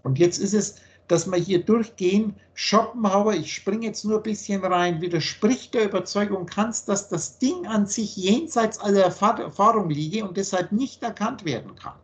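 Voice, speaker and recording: A man giving an earnest philosophical teaching monologue on a video call, slowing down to stress key points. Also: high-pitched. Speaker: spiritual teacher.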